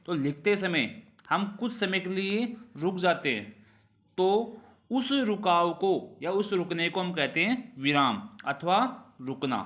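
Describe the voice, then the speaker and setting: Forceful and bright, a male teacher runs through a grammar revision lesson. He poses rhetorical questions, says phrases more than once, and ends sentences with a falling pitch.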